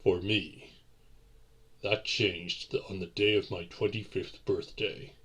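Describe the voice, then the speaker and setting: In a romantic audio roleplay, a man voices a centuries-old vampire gentleman, fully in character, with a very low, husky tone. Courtly and brooding, he addresses his lover slowly in formal, old-fashioned language.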